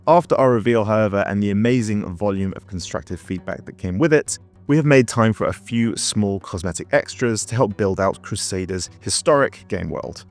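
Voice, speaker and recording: A man's voice: on the low side, expressive, moderate pace. A man presenting as a game developer in scripted promotional narration, with wry, playful asides. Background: background music.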